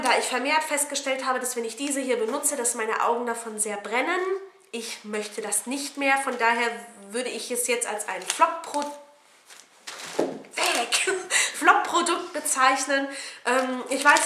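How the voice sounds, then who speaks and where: Cheeky woman beauty vlogger, bright voice a touch high, casual review chat, roomy home recording. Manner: cheeky, jokey, swears casually. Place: at home indoors. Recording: roomy echo, faint noise.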